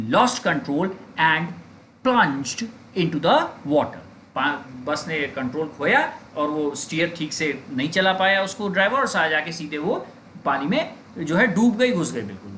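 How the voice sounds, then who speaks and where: A man's voice: sits high, sharp tone, slight background noise. A man teaching English vocabulary in Hindi, drilling each word over and over with frequent hesitations. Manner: slow, repetitive drilling of words with many fillers. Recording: echoey room with faint ambience.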